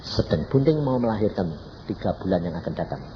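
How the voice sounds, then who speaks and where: An older man with a Javanese accent tells his testimony from the pulpit, acting out every person in the story in turn. His pitch rises and falls widely as he moves between the voices. The sound is captured in a large hall with a long reverb and a faint hiss underneath. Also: big pitch swings, brisk, dull audio. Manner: storytelling, acting out dialogue in shifting voices, addresses listeners as "saudara". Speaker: evangelist preacher. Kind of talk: testimony sermon.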